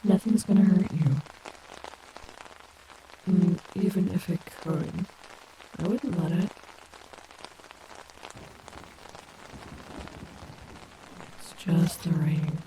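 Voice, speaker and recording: A woman's voice: lowish voice, slow, pauses often, background noise. A woman voicing a hot-tempered but protective female animatronic wolf in an audio roleplay, sarcastic and blunt. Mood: soothing.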